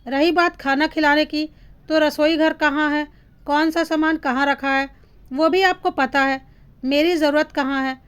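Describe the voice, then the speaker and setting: A woman voicing a bitter young daughter-in-law who speaks in a calm, coldly sarcastic way. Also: high-pitched, unhurried. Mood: cold, mocking.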